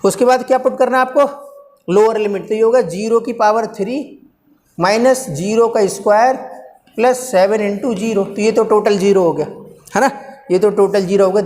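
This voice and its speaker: A man's voice: high-pitched, moderate pace, a little mellow. A male physics teacher lecturing a live class, coaxing and teasing his students as he talks through each step aloud. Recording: reverberant classroom, faint background noise.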